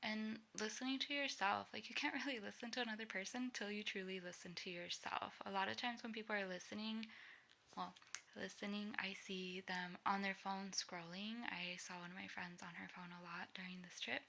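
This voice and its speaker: A young woman vlogger giving casual advice in a relaxed way, full of "like" fillers, often sliding into a soft, whispery delivery. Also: mid-range voice, moderate pace, creaky, slight background noise.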